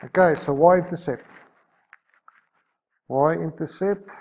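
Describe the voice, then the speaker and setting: A man's voice: a little high, slow pace, a little mellow. A man teaching a maths lesson, talking through each step as he sketches a graph and correcting himself as he goes.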